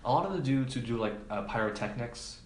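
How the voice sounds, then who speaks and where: This podcast guest, a film production assistant, has a mid-range voice with lively intonation and talks a little fast. He's informal and halting, leaning heavily on fillers, recorded in an echoey space with noise behind him.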